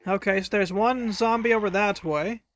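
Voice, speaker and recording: A man's voice: high voice, normal speed, fairly bright tone, slight background noise. A man casually commenting on his own gameplay during a live stream, chatty and wry, taunting enemies as he plays. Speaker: game streamer.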